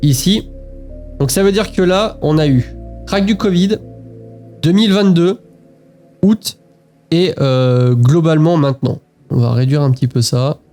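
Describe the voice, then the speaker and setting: A man with a mellow, warm voice talks in a relaxed, chatty way straight to the viewer. He hesitates often while walking through charts on screen. Soft music plays faintly underneath. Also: on the high side, a little slow, pauses often. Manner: chatty, speaks directly to the viewer, frequent hesitations. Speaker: investing vlogger. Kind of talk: casual talk to camera while screen-sharing charts.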